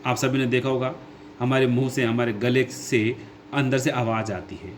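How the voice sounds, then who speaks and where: A man teaching a grammar lesson who goes slowly, repeats his points and asks his own questions before answering them. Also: mid-range voice, fairly even intonation, a little hiss or hum. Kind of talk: classroom lesson explaining grammar.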